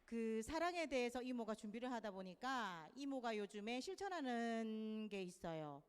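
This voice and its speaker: A woman from Busan with a Gyeongsang accent, a church teacher talking gently and chattily to children. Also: on the high side, very animated, moderate pace, smooth, in a large hall. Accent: Busan Gyeongsang Korean. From Busan, South Korea. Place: church hall.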